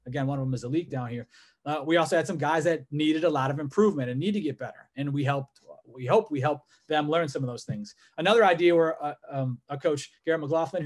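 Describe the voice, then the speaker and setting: A man in his thirties hosts a video call from a room at home, voice sitting a little high. He rambles casually, restarting phrases and piling on fillers as he explains his plans. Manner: rambling, filler-heavy, gestures a lot. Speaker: host of a coaching network. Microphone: video call webcam.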